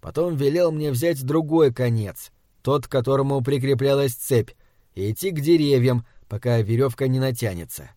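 A man narrates an audiobook in the first person, with a steady, measured delivery. His voice sits at an ordinary pitch for a man, and the recording is dry and close, with no room sound. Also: no echo.

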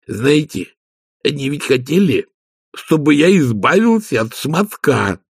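Male reader as a gloomy, deliberate male servant, husky, slightly raised voice, dry booth sound. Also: on the high side, sing-song, no room sound, voice pushed up, full character voice. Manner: slow, deliberate delivery. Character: hunched servant Igor, slow, gloomy, matter-of-fact. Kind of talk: audiobook character voice.

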